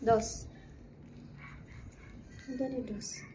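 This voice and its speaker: A woman's voice: fairly high pitch, fairly even intonation, drawn-out words, warm tone, slight background noise. A woman talking to her cats in sing-song baby talk, filming them outdoors on a phone in a breezy sunny spot. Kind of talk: casual baby talk to pets.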